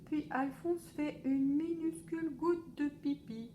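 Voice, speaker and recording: Une femme lit à voix haute un album pour enfants, lentement et avec beaucoup d'expression. Sa voix est assez aiguë, avec un léger bruit de fond dans l'enregistrement. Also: female voice, high voice, a little hiss or hum. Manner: slow, expressive storytelling. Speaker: library storyteller. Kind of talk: children's book read aloud.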